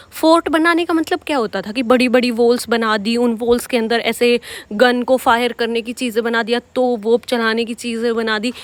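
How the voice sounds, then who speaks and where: A young woman teaching English vocabulary for exams, explaining patiently and often checking with "right?". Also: a little high. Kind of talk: exam-prep vocabulary lesson.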